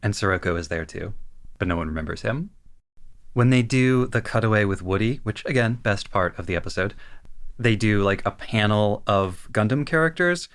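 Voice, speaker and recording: A man's voice: lowish voice, lively intonation, normal speed, a bit bright, clean tone. Wry, joking male podcast co-host. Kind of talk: casual podcast discussion.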